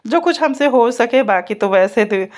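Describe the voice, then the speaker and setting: Her voice on the high side, animated and a little mellow, the thirtysomething vlogger mother keeps a moderate pace. She chats casually in a home vlog while getting the children ready, often breaking into laughter.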